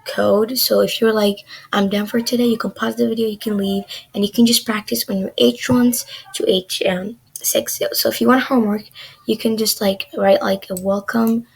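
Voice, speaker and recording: A woman's voice: a little high, fairly even intonation, normal speed, gravelly, breathy edge. A young woman teaching a beginner coding lesson in a chatty, loose way, full of "like" and "um". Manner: chatty, filler-heavy, says "like" a lot. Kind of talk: casual screen-recorded coding lesson.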